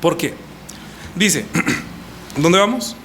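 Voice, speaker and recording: A pastor teaches a baptism class in a lively, animated way, reading scripture and acting out quoted speakers. His voice sits fairly high for a man. A faint hum of the room is heard behind him. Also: very slow. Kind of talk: teaching sermon.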